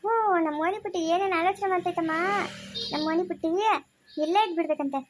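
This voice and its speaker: Woman playing a fast-talking, doting young mother. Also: very high-pitched, fairly even intonation, darkish tone, a little hiss or hum. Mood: playful. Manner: coaxing, affectionate, repeats pet names. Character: loving young mother, soothing and playful. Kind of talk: amateur family drama acting.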